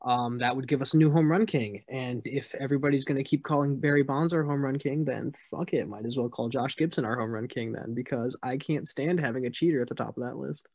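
A young man co-hosting a sports podcast, blunt and quick to swear and joke. His voice sits at a middle pitch. The recording is dry and close. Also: a little mellow, breathy edge, no echo. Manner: joking, profane, blunt. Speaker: podcast co-host. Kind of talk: casual sports podcast chat.

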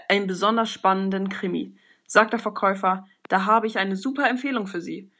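A teenage girl reads simple children's jokes aloud, unrehearsed. She trips over words and starts sentences again. Between jokes she comments in relaxed, slangy chat. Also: mid-range voice. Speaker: joke reader. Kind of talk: casual reading of kids' jokes aloud.

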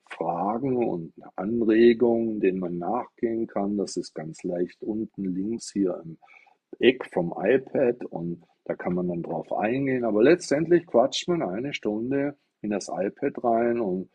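A man's voice: lowish voice, a little slow, slightly rough, muffled recording. A man from southwest Germany giving a casual, rambling live-stream monologue into an iPad. He explains things and asks himself rhetorical questions as he goes. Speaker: livestreamer talking about Buddhism.

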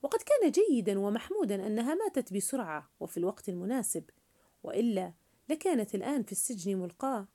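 A woman's voice: mid-range voice, big pitch swings, fast talker, warm tone. A woman voicing a mocking, cruel teenage boy who taunts in a sneering tone in a storybook reading. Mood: taunting.

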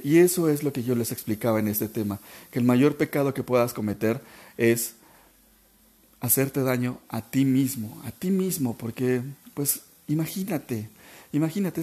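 A man's voice: mid-range voice, mellow, husky. Male podcast host, earnest storyteller who stumbles and repeats himself, mid-range voice. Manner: halting, emotional, many restarts and repetitions.

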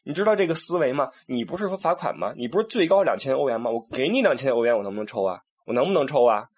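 Husky fast-talking male tour guide. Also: mid-range voice. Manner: animated, acts out quoted people, many restarts. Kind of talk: casual storytelling monologue.

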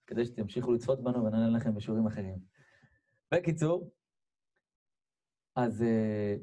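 Animated preacher man, mellow voice. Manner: animated, voice leaps high when acting out quoted people; repeats phrases, addresses listeners directly. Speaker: religious speaker. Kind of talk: storytelling sermon.

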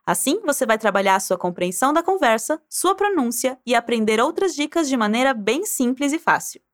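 Woman, Spanish teacher, high animated voice, encouraging drill style. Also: brisk. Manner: encouraging, prompts listener to repeat aloud. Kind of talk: guided pronunciation drill.

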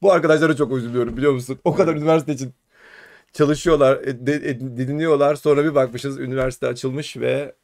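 A man from Turkey hosting a casual live-stream chat, animated and urging his viewers on. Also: mid-range voice, fast talker. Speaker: host.

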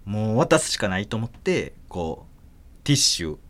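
A man with a Kansai accent, hosting a podcast and telling a story in a casual, animated way, acting out voices and laughing often. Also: lowish voice, moderate pace. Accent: Kansai Japanese. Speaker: podcast host.

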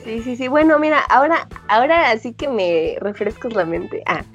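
A woman's voice: fairly high pitch, sing-song, moderate pace, muffled recording, faint music behind. A woman from Comitán, Chiapas, with a mild Chiapas Mexican accent, a guest in a casual interview, chatting with fillers and frequent laughter.

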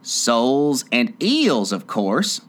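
Solemn, impatient griffin, read by a man, slow and weighty. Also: on the high side, big pitch swings, a bit bright, voice pushed up, heavily acted.

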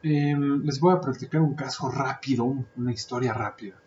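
A man's voice: mid-range voice, normal speed, a little mellow, a little hiss or hum. A man with a Mexican Spanish accent hosting a casual podcast monologue, chatty and joking, with lots of filler words. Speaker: podcast host, translator and interpreter. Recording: dull lo-fi sound.

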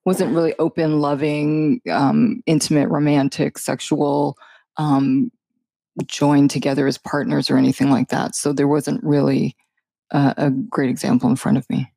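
A middle-aged woman telling her personal story in a podcast, halting with many fillers and a wry edge. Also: deep voice, level tone, vocal fry, dark tone, dry recording. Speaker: guest.

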